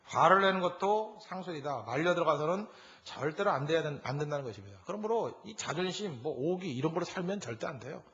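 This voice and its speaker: Lively fast-talking pastor, dull recording. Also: male voice, on the high side. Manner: animated storytelling with acted-out dialogue. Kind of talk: sermon.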